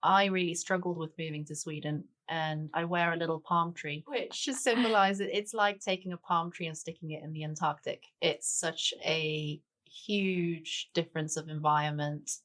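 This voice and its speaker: A woman's voice: low-pitched, steady tone, moderate pace, few pauses, a bit bright. A woman in her forties, raised in Tanzania, chatting easily as a guest chef in an interview. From grew up in Tanzania, born in Denmark. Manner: chatty, with many "sort of" and "you know". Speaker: guest chef and cookbook author. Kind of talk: relaxed conversational interview.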